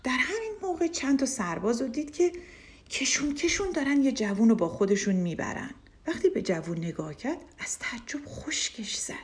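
A woman narrating a children's story expressively, acting out the characters as she reads. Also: sits high. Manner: expressive, acts out every character.

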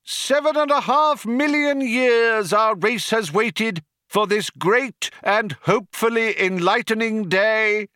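A man's voice: high voice, takes it slowly, hardly any pauses, bright, forceful tone, smooth, no echo, clean studio sound, pitched above the performer's own voice, exaggerated voice. A man voicing a fervent male orator who cries out grand proclamations to an ecstatic crowd. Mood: rapturous proclaiming. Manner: grand, declaiming, rising to a cry.

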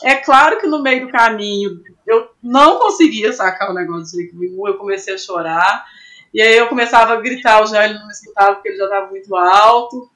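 A young woman from Brazil telling an animated story in a casual interview, laughing often and acting out what people said. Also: on the high side. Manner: animated, laughs often, acts out quoted voices. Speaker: climber guest.

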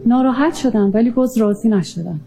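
A woman recounting a near-death experience in an earnest, halting way, often pausing with fillers. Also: fairly high pitch, gravelly, dark tone, faint music behind. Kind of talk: emotional personal testimony.

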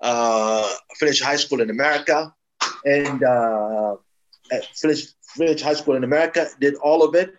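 A man's voice: medium pitch, moderate pace, highs cut off, a little hiss or hum. A man from East Africa, a branding expert being interviewed, explaining in an emphatic, advising way with frequent restarts.

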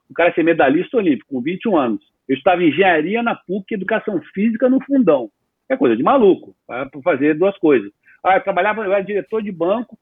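A man in his fifties, a guest entrepreneur, talking in a casual, animated way with lots of slang in an interview. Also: high voice, husky, no echo. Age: 50s. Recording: tinny phone-like line.

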